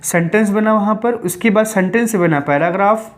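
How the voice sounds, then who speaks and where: A man's voice: high voice, brisk. A man teaching English grammar in a patient, step-by-step explanatory lecture, dropping English terms into his talk.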